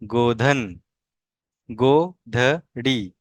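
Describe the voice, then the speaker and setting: A male language teacher leading a pronunciation lesson, repeating each word slowly several times and then explaining patiently. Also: medium pitch, no room sound.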